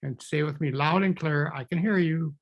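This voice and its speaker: A man's voice: a little high, normal speed. A man who is a minister, leading a closing prayer in an earnest, flowing way.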